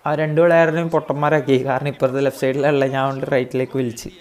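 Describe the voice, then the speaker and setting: A man with a hoarse voice giving excitable live commentary on his own football video game match, mixing English phrases into his talk. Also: medium pitch, racing. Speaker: gaming YouTuber.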